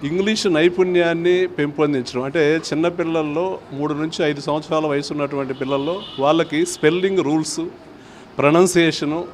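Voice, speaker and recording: School official, fast formal speech, faint background noise. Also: male voice, fairly high pitch, steady tone. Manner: wordy, formal official phrasing. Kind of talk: interview statement.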